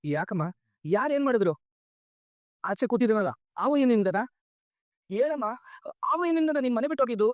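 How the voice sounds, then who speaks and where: An earnest, pleading son. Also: male voice, very high voice, lively intonation, normal speed, long pauses, no room sound. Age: young adult. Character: young son longing for his lost mother. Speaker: college-going son. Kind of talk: TV serial acting.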